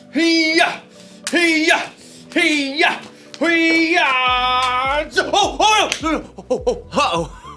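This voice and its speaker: Casting: male kids' show host, playful and bright, very lively pitch, faint music behind. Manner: playful, theatrical. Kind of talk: scripted presenting to children.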